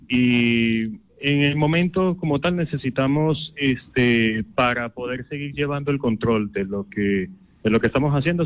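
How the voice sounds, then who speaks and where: A Venezuelan-accented man answering a radio reporter outdoors at a shelter, earnest and a little halting. His voice is mid-pitched and dry, close to the mic with no room sound. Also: no echo. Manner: earnest, lists needs with hesitant fillers. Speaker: shelter volunteer coordinator. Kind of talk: live on-site radio interview.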